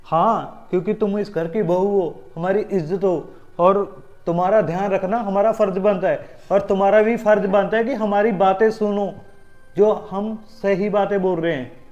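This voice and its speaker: A stern elder brother-in-law, played by a man, head of the household and quick to lecture. His voice sits fairly high for a man and sounds dull and lo-fi in this family drama. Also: fairly even intonation, a little mellow, faint music behind, natural voice. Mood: admonishing. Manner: admonishing and stern. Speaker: actor in a family short film.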